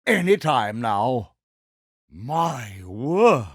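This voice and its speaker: An actor playing a vain, pompous villainous pirate captain in a video game, speaking with theatrical mock-genteel flourish and pirate slang. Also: male voice, medium pitch, very animated, extremely slow, slightly rough, no echo, clean studio sound, exaggerated voice. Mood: indignant.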